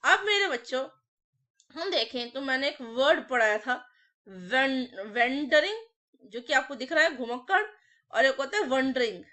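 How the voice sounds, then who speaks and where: A woman's voice: high voice, lively intonation, unhurried, sharp tone. A woman teaching an English vocabulary class, repeating each word and its meaning in drills and calling her students children. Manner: repetitive, drills words in lists, addresses students as children. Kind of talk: classroom vocabulary lesson with memory tricks.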